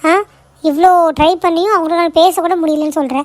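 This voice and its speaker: Cartoon role: woman playing a middle-aged mom, high voice, scolding yet caring, dry close sound. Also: steady tone, fast talker, no room sound. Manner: scolding, coaxing, teasing. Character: middle-aged mother, nagging but caring. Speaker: mother. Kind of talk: cartoon voice acting.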